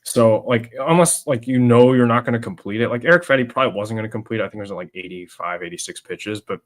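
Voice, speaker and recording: A man co-hosting a casual sports podcast, talking in halting bursts with stammered restarts and fillers. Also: medium pitch. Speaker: podcast co-host.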